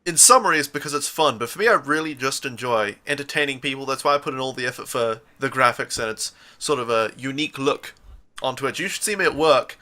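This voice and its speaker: A young man with a New Zealand accent, hosting a podcast and chatting casually as a jokey, animated storyteller. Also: medium pitch, quick pace. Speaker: podcast host.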